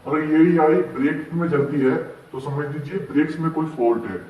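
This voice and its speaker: A man explaining warning symbols to learners in a patient, step-by-step way, often asking whether it is clear. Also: a little high, steady tone, normal speed, reverberant, far from the mic, highs cut off. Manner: patient, checks understanding with repeated questions. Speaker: instructor explaining dashboard warning signs. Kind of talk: classroom-style explanation.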